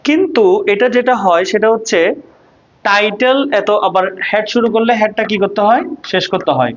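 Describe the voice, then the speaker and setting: Brief: Bangladeshi male tutor, higher pitch, steady drilling "ঠিক আছে?", somewhat dull lo-fi sound. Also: normal speed. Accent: Bangladeshi Bengali. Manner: asks questions and answers them himself, repeats "ঠিক আছে?". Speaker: ICT teacher. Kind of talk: online lecture to students.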